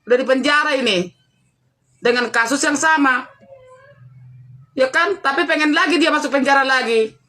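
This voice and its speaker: A woman hosts an angry commentary vlog in a high, bright voice. She scolds and mocks without letting up, repeating taunting questions over and over. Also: normal speed, pauses often. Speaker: channel host.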